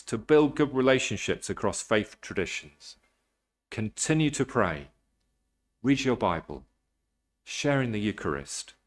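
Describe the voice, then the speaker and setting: Low man, churchy speech, slow and measured. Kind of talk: formal address.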